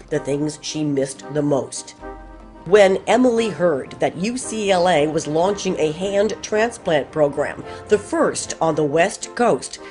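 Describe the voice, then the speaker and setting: A woman narrating a news feature in a measured, even reading. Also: lowish voice. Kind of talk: scripted narration.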